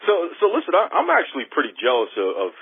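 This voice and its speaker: A man's voice: a little high, huge pitch swings, fast, vocal fry, husky, no echo, narrow, tinny audio. A man from Boston interviewing a guest casually. He is enthusiastic and often repeats his words.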